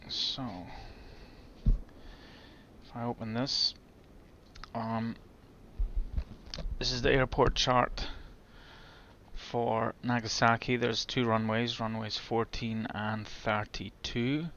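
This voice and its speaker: A man's voice: mid-range voice, flat delivery, slow, pauses often, a bit bright, dull audio, slight background noise. A man giving casual, chatty commentary as he sets up a flight in a simulator, thinking aloud as he goes. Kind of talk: casual commentary while gaming.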